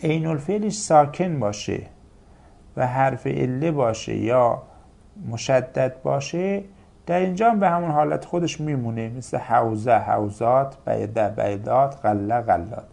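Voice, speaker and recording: A man's voice: medium pitch, creaky, a little mellow. A man teaching a grammar lesson, listing example words in careful paired recitation. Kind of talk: Arabic grammar lecture.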